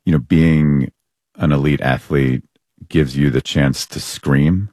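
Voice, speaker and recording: A man hosting a show, asking gentle, searching questions with some hesitations. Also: rumbling low, fairly even intonation, slow, dry recording, clean studio sound. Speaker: podcast host. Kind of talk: interview questions.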